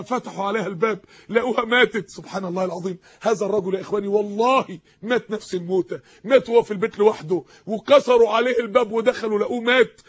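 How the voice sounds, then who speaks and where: A man with an Egyptian Arabic accent preaching an emotional, impassioned sermon that rises to shouts, on a dull lo-fi recording. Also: sits high, breathy edge.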